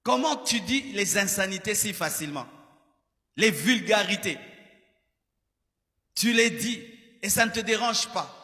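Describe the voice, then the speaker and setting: A man's voice: high voice, lively intonation, measured pace, pauses often, sharp tone. A man with a Congolese accent giving an admonishing sermon as a pastor, repeating phrases for emphasis. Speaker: pastor preaching. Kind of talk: sermon with acted examples and direct address. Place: large church hall, preaching to a crowd. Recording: reverberant hall.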